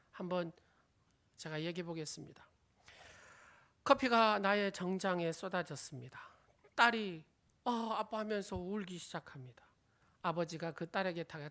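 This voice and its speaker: In a church sanctuary, a woman with a medium-pitched, slightly bright voice preaches a sermon. She tells an illustrative story and quizzes the congregation, her sentence endings often fading to a whisper.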